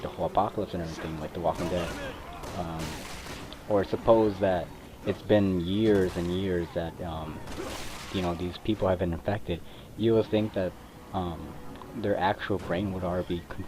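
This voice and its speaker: A young man from Mexico talks casually over his gameplay for a gaming video, rambling and hesitant with many fillers. His voice is low-pitched, picked up by a cheap computer mic against a noisy background with controller clicks.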